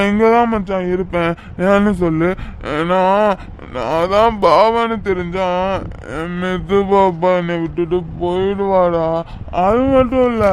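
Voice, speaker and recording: A man's voice: high-pitched, a little hiss or hum. A man voicing a drunk, lovesick young businessman in a cartoon, rambling with slurred, giggling talk. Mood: maudlin. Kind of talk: cartoon voice acting.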